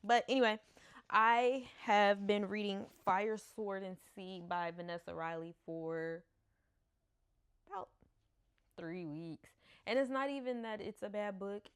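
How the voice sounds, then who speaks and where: Unhurried and medium-pitched, with a clear, resonant tone, this American woman in her thirties makes casual book-vlog chat at home into a camera mic. She laughs frequently and stumbles over names.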